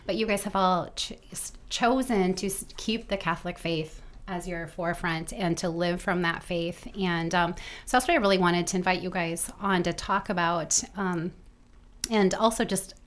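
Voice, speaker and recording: A middle-aged woman hosting a podcast, chatting casually with her grown children in a bubbly, gushing way, quick to laugh. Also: fairly low pitch. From Midwestern United States. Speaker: podcast host. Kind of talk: casual family chat.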